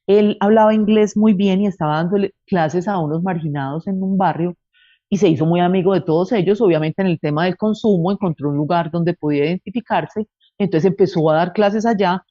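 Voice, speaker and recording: A woman's voice: fairly low pitch, fairly quick, warm tone, no room sound, lo-fi sound. A middle-aged woman with a Colombian Paisa accent, earnestly recounting her grief as a guest, her talk reflective and full of restarts. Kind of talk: emotional personal testimony.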